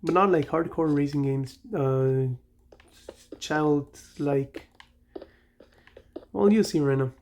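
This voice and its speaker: A little hiss or hum sits under a young man's high-ish, darkish voice as he talks slowly, pausing often. With a Mexican accent, the gaming channel host plays and reminisces in a casual, rambling way, repeatedly correcting himself mid-sentence.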